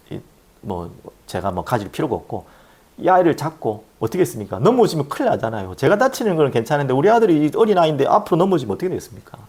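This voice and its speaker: Husky-voiced male pastor preaching. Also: medium pitch. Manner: storytelling, swings from hushed to loud. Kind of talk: sermon.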